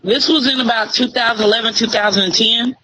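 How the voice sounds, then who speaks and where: This young woman's voice sits a little high, brisk, bright and forceful, with fairly even intonation, though the audio is poor. Interviewed as a radio host from Tyler, Texas, she keeps the chat casual, laid-back and sprinkled with slang and fillers.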